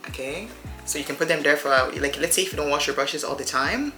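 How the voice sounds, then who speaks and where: A woman's voice: low-pitched, fast talker. A woman in her thirties chatting as a beauty vlogger while doing her makeup, rambling and addressing viewers as friends. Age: 30s. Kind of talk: get-ready-with-me casual chat. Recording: roomy echo with faint music behind.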